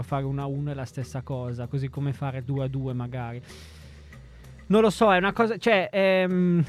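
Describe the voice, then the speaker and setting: A man talking casually about football as a panelist, in a halting way, often correcting himself mid-sentence. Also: a little high. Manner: halting, hedging, self-correcting.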